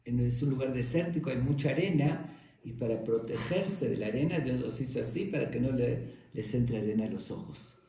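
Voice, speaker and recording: A man voicing a wise, gentle old male sage who answers with endless patience and a soft, kindly manner, in a very echoey room. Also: medium pitch, lively intonation, brisk, natural voice. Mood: patient, kindly.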